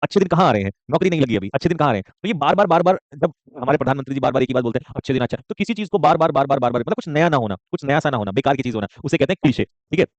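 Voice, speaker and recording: Give me a quick-talking joking male teacher running a live class, with a dry close sound. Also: medium pitch, lively intonation, dry recording, muffled recording. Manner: joking, rapid, keeps asking "okay?"; addresses students warmly as son. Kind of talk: live online vocabulary class.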